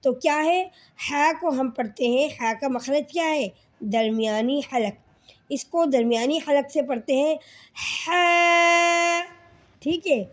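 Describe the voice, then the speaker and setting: A woman's voice: high voice, darkish tone. A woman teaching children Quran reading in Urdu with a Pakistani accent, patiently repeating letter sounds and checking in with the class.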